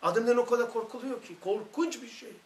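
A man's voice: very high-pitched, fast, darkish tone, a little hiss or hum. A man with a Turkish accent leading a religious study circle, talking with fervent, emphatic storytelling. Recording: echoey room recording.

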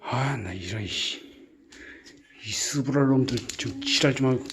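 A man talking casually in a gruff, exasperated way, scolding and sighing, with repeated commands and frequent swearing. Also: mid-range voice, a little slow, fairly bright tone, a little hiss or hum. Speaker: vlogger caring for puppies.

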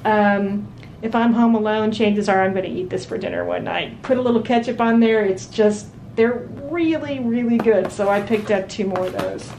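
A woman chatting casually at home while showing off her weekly grocery haul, relaxed and full of ums and restarts. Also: medium pitch, normal speed, gravelly, noisy background. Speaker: vlogger. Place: home dining room at a table.

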